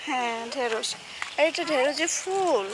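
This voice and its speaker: Woman, high voice, coaxing a small child, outdoor noise and animals behind. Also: expressive, normal speed. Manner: coaxing, gentle, pointing things out to a small child. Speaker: mother filming her child. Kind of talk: casual vlog narration. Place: outdoors at a zoo garden. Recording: noisy outdoor ambience.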